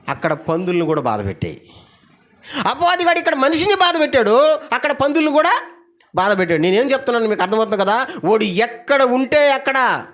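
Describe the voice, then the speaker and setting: A man in middle age preaches a Sunday sermon with a high, expressive voice that climbs and drops all over the place. He keeps calling on the congregation to answer him, then drops into low, quiet asides between the loud exclamations. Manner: animated preaching, calls for congregation responses; asks the audience many rhetorical questions. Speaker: pastor.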